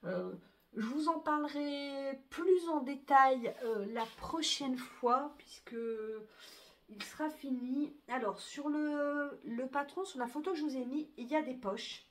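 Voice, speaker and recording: A middle-aged woman with a high-pitched voice talks unhurriedly to camera about her sewing and knitting projects. Her casual chat is full of fillers and restarts.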